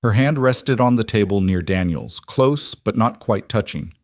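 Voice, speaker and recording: A man giving scripted narration of a romance drama in a measured, dramatic storytelling manner. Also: on the low side, lively intonation, no room sound, clean studio sound.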